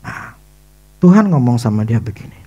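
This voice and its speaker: A male pastor preaching a sermon in a lively storytelling manner, acting out the dialogue in casual, everyday phrasing. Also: mid-range voice, normal speed, muffled recording.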